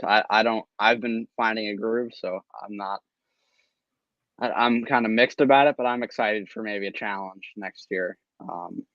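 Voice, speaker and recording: A man's voice: on the low side, no room sound, muffled recording. A man hosting a casual racing podcast chat, teasing his co-hosts and joking around. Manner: joking, quick to tease. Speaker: podcast host.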